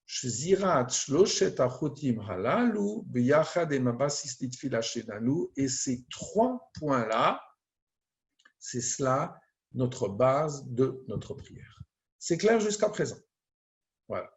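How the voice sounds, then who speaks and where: A man, a rabbi, teaching a prayer text in a slow, deliberate way, reading Hebrew phrases and translating them one by one. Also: mid-range voice, big pitch swings.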